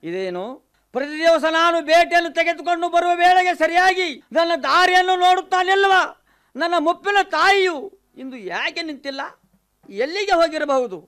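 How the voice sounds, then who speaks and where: A man's voice: extremely high pitch, animated, moderate pace, a bit bright. A man voicing a young demon son in a mythological radio play, speaking in an anxious, questioning, declamatory way. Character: young demon son, worried about his mother.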